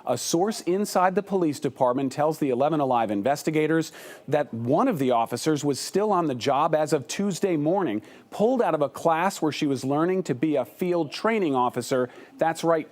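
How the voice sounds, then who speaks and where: A man delivering an investigative television news report in a scripted broadcast style. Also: a little high.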